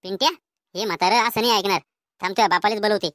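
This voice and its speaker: A woman voicing a scolding middle-aged village mother in a cartoon comedy, with a Vidarbha Marathi accent and a shrill, nagging tone. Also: very fast, no echo, studio quality, lightly acted.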